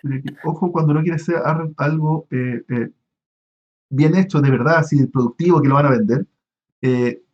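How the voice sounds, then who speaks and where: A man's voice: on the high side, a little mellow, dull audio. A man teaching an online university class, explaining step by step with many fillers and restarts. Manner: halting, many restarts and fillers, asks students questions. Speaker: university lecturer.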